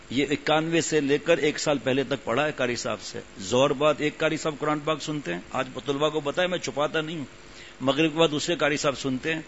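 An older man, a religious teacher, delivers a sermon in a relaxed, conversational style, looping back to repeat phrases for emphasis. His voice is slightly high, and the dull, lo-fi recording carries a faint background hum.

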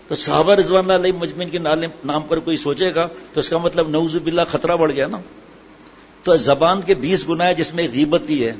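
A middle-aged man preaching a sermon, asking his listeners questions and answering them himself. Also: on the high side. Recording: hall echo, dull sound, faint ambient noise.

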